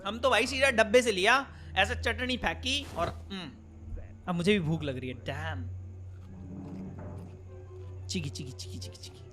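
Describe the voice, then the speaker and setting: A man commentating on a game in rapid, teasing, joking chatter, laughing often. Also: high voice, lively intonation, music in the background. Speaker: gameplay commentator.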